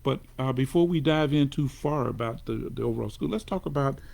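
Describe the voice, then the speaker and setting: Radio host, man, gravelly voice, relaxed and teasing with his guest. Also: mid-range voice, fairly quick. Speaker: judge hosting a radio talk show. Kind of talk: radio interview. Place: radio studio.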